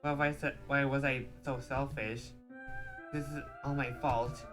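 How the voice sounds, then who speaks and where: A woman's voice: a bass voice, steady tone, measured pace, music in the background. A woman hosting a game playthrough, reading the story text aloud with joking asides. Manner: reads dialogue with joking asides. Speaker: let's play host.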